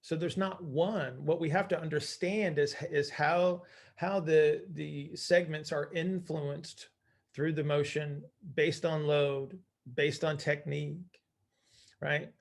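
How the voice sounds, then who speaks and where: With a slightly high, steady voice and a slow pace, a man runs an informal group call as a coach. He's emphatic, answering the questions he poses himself and regularly asking "right?".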